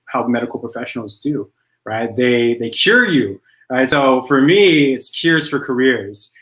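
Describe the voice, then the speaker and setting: Conversational man in an echoey room. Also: mid-range voice. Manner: relaxed, conversational, frequent "right?" tags. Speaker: career coach guest. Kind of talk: casual interview talk.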